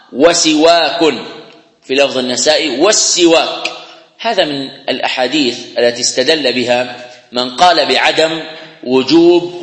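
A man's voice: fairly high pitch, fairly bright tone. A man teaching a religious lesson, explaining texts step by step, repeating key phrases and rising to emphatic stresses. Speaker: Islamic scholar teaching hadith. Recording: echoey hall reverb.

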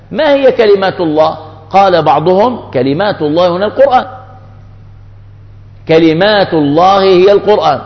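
A man giving a religious lesson on scripture, explaining with rhetorical questions and reciting verses. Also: sits high. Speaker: religious teacher. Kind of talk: Quranic exegesis lesson. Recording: muffled with long hall reverb.

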